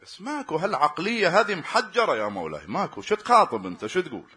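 Impassioned preacher, bright voice. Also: male voice, a little high, big pitch swings, quick pace, breathy edge. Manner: impassioned, swells to loud cries, repeats phrases rhythmically. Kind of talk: impassioned religious sermon with storytelling.

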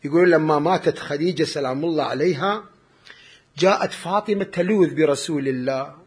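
A man's voice: fairly high pitch, brisk, breathy edge. A man preaching a mourning sermon, drawing his words out into a wailing chant.

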